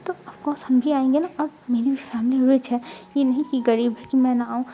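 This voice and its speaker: A woman's voice: high-pitched, steady tone, moderate pace, warm tone, close to an everyday voice. A woman voicing a boastful, breezy rich young woman in a storybook reading.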